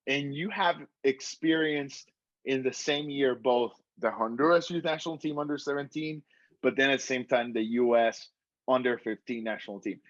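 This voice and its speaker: A man's voice: medium pitch, moderate pace, no room sound. A man hosting a casual interview, asking long, winding questions. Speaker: interviewer and show host. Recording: slightly dull, dry lo-fi sound.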